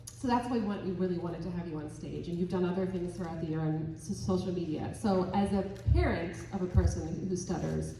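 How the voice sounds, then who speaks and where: A tearful woman facilitating a convention panel and gently asking a panelist a question. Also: on the low side, brisk, few pauses, slight background noise. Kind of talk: moderating a panel. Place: convention hall stage. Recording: echoey hall, voice far from mic.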